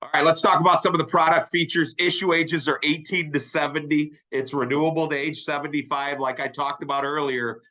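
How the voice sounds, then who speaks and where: Congested and nasal from a sinus infection, a middle-aged man runs a sales training webinar in an upbeat, conversational style, frequently asking "right?" to check in with listeners. His slightly high voice is pushed and bright, steady in tone, a little fast with few pauses, and the recording quality is low.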